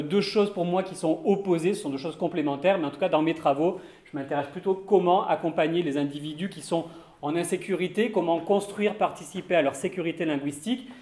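A man's voice: a little high, darkish tone, reverberant. A man giving an academic conference talk on accents, thoughtful and hedging, with many fillers and restarts. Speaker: lecturer on accents.

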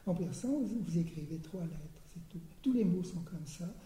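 An older man giving an academic lecture, hesitant, repeating words and often clearing his throat. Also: high-pitched, expressive, normal speed, dark tone, slight background noise. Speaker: lecturer on Persian poetry. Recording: roomy hall sound.

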